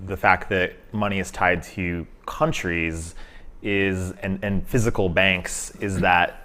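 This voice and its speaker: A man's voice: sits low, steady tone, slow, pushed and bright. A man conversing as an interviewer, restating points and giving brief affirmations.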